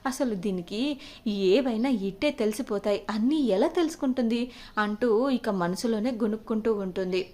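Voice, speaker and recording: A woman's voice: fairly high pitch, normal speed. A woman narrating a recap of a TV serial episode, acting out the characters' lines as she goes. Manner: animated retelling, acting out quoted dialogue.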